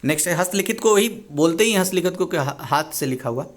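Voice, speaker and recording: A man's voice: fairly high pitch, expressive, fast talker. A man teaching Hindi grammar for an exam, reading wrong sentences and explaining the correct forms, often repeating himself and correcting his own slips.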